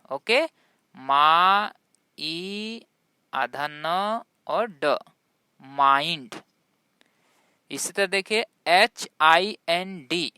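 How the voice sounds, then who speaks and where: Woman, pronunciation teacher, Hindi native, slow deliberate pace, dry close-miked sound. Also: low voice, pushed and bright, clean tone, no echo. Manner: spells words letter by letter and quizzes the viewer. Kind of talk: classroom-style spoken lesson.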